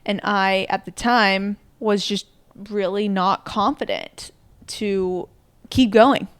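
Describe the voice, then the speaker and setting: A young woman in her twenties chats earnestly on a podcast and thinks aloud as she goes. Her voice is smooth and clear at an ordinary pitch. The sound is dry and close. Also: steady tone, slow, no echo. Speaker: podcast co-host. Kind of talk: casual reflective chat.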